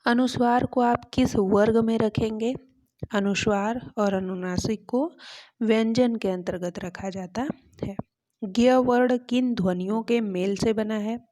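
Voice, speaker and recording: A woman teacher slowly going through exam questions one by one, repeating each example sentence as she explains it. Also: medium pitch, steady tone, warm tone. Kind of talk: exam question walkthrough lesson.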